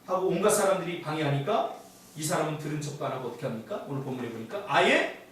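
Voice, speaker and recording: A man's voice: a little high, lively intonation, fast, a bit bright, slight background noise. A male pastor preaching a sermon in a church sanctuary, with emphatic delivery, acting out the voices he quotes. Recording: echoey hall from far off.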